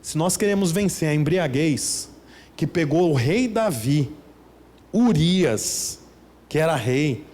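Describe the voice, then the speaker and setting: A man from Brazil preaching a church sermon as pastor, dropping into hushed mock prayers and rising as he drives his points home. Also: lively intonation, slow. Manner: acts out mock prayers in a hushed, pleading voice, then rises in pitch to preach.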